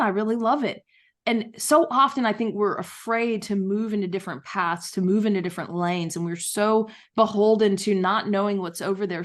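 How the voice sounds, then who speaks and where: A woman author, a guest on a podcast interview, talking in an enthusiastic, storytelling way. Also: lowish voice. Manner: enthusiastic, storytelling with acted quotes.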